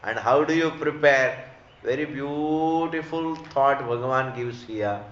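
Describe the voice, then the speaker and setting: Indian-accented male spiritual teacher, very unhurried and didactic, repeats for emphasis; reverberant room. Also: medium pitch, a bit bright, a little hiss or hum. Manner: emphatic repetition, rhetorical questions, didactic. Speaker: spiritual teacher giving scripture discourse. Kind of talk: religious discourse. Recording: echoey room, slightly dull sound.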